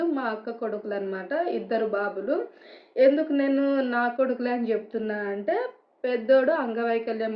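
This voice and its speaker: A woman's voice: fairly high pitch, roomy sound, muffled recording, a little hiss or hum. Earnest woman telling a story. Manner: earnest, explanatory, recounting quoted dialogue. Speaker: vlogger. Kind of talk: personal storytelling to viewers.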